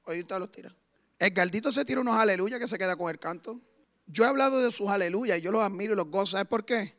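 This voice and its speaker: A man preaching a sermon with fervor, moving from hushed stretches to loud exclamations. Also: high voice, fast. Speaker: guest preacher.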